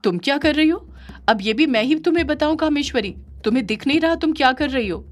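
A woman's voice: medium pitch, expressive, brisk, close to an everyday voice. A woman voicing a jealous male yaksha spirit in an audio story, pleading and accusing in a raised voice.

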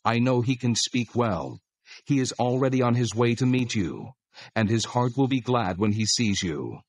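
A man's voice: mid-range voice, lively intonation, moderate pace, no room sound, close to an everyday voice. An actor playing God as a solemn, commanding male deity in a dramatized scripture reading. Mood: stern.

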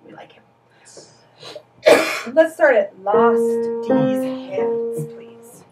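A woman's voice: a little high, expressive, very slow, loud music behind the voice. Encouraging woman voice teacher, distant mic. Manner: encouraging, precise corrections. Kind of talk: voice lesson coaching.

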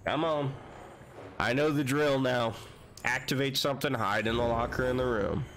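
A man's voice: mid-range voice, moderate pace, fairly bright tone, a little hiss or hum. A man streaming a horror game, chatting and joking, with jumpy reactions to scares. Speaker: gaming streamer. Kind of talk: let's play commentary.

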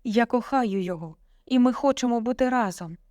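Brief: woman doing a young storybook daughter, tearful but defiant, higher voice, dry sound. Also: brisk, darkish tone, no echo, natural voice. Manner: pleading then defiant, emotional.

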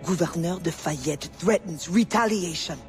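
A woman's voice: on the low side, a little slow, music in the background, lightly acted. An actress playing a worried young woman, a confidante of rebels in a video game, grave and urgent. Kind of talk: dramatic video game acting.

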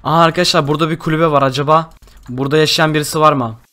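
A young man hosting a Minecraft role-play, talking in an excitable, exclamatory way. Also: fairly high pitch, rapid-fire. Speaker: gaming YouTuber host.

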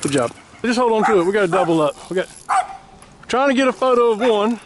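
Cheering his clients from a small fishing boat in a canal, the guide is a high-pitched, fast talker whose enthusiastic coaching keeps repeating the same praise. The action camera mounted on the boat captures outdoor wind and water noise as well.

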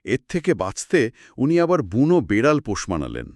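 Man, co-host, scripted history chat, animated pitch, dry close sound. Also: a little fast, dry recording.

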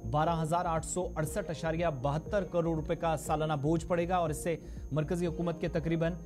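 A man reading scripted television news in a formal, Urdu-flavored register. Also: a little high. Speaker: news anchor. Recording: studio voice-over with background music.

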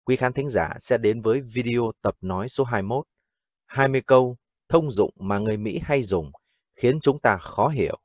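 A man with a Vietnamese accent teaching English phrases, repeating each one slowly and deliberately. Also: medium pitch, no room sound, clean studio sound.

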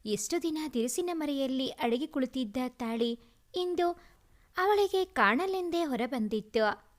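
A woman with a high-pitched voice narrates a storybook aloud. Her reading is expressive and emotive as she carries the story along. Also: unhurried.

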